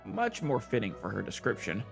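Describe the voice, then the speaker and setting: A man's voice: on the low side, wildly swooping pitch, moderate pace, vocal fry. A man hosting a let's play, thinking aloud in casual commentary with hesitant fillers over game music.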